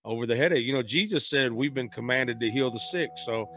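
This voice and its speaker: A man's voice: medium pitch, fairly quick, pushed and bright. A man, a singer guest talking earnestly in a casual conversation and often restarting his sentences. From Memphis, Tennessee, raised in Arkansas.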